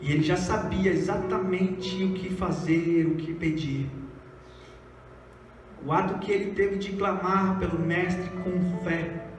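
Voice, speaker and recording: A man's voice: high-pitched, takes it slowly, a little hiss or hum. A man preaching a sermon, dramatic, acting out the voices of the people in the story. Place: church hall. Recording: echoey church hall from far off.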